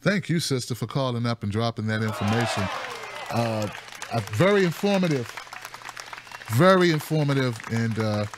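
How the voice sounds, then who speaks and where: A man's voice: mid-range voice, animated, moderate pace, a crowd in the background, noisy background. A man hosting a call-in show, talking loosely with frequent laughs and friendly banter. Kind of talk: casual talk show hosting.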